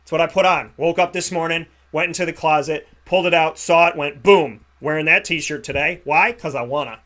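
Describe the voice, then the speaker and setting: A man in his thirties with a high, bright voice delivers an emphatic motivational monologue as a talk show host. He hammers his points by repeating short phrases. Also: fairly quick. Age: 30s.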